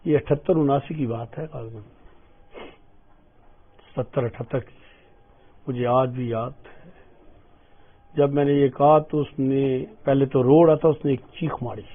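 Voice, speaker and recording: A man's voice: medium pitch, fairly even intonation, pauses often. An older man preaching an emotional storytelling sermon, acting out the voices in his stories. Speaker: Islamic preacher. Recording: tinny phone-like lo-fi sound.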